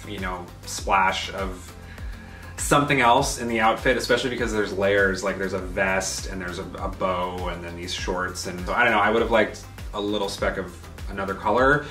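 A man's voice: on the low side, pushed and bright. A young man co-hosting a casual doll review chat, chatty and enthusiastic. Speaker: co-host of a doll collecting channel. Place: living room. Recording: roomy sound from a distance with faint music.

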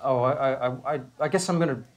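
A middle-aged man hosting a casual onstage interview, halting and stammering, laughing often, speaking into a stand mic in a small hall with an audience. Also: mid-range voice, slight background noise. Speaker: host.

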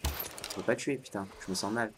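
A man giving excitable gaming commentary, talking to his viewers and bursting into yelps and laughter. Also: lowish voice, moderate pace, slight background noise. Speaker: gaming YouTuber.

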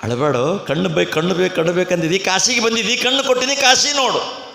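A man's voice: sits high, fast talker, creaky, pushed and bright. A man giving a religious discourse at a temple fair, telling the story dramatically and acting out the characters' lines. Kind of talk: sermon storytelling. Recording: echoey hall with music behind.

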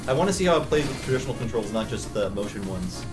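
A man's voice: fairly low pitch, very animated, fast talker. A man hosting a game livestream with casual, chatty gaming commentary. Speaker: host playing a game on a livestream. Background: video game music.

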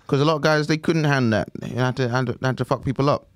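A man's voice: mid-range voice, steady tone, fast, no echo. A man with a mid-range voice jokes wryly through easygoing podcast banter. His delivery is dry, like a close, deadened room. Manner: wry, joking banter. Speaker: podcast co-host. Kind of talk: casual chat.

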